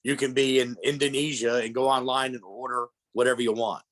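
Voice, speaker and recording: Brisk and steady, with a medium pitch and a slightly bright tone, a middle-aged man from Pennsylvania gives a public talk on elder fraud as a guest speaker. A head cold leaves him sounding congested. He keeps it plainspoken and explanatory, calling his audience "folks."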